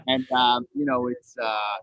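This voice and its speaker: A man, a guest in a casual interview, talking haltingly and repeating words. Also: mid-range voice, fairly even intonation, fairly bright tone, muffled recording, a little hiss or hum. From Brooklyn, United States. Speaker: guest, sports chiropractor.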